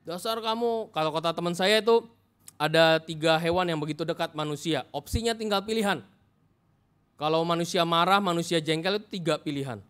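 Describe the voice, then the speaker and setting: A man, a pastor giving a humorous, animated sermon in a church. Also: a little high, brisk, smooth.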